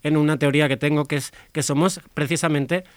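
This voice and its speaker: A man leading a casual radio discussion. His voice sits a little high and sounds dry and close. He talks in bursts, often restarting his sentences mid-thought. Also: steady tone, brisk, no room sound. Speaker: radio segment presenter.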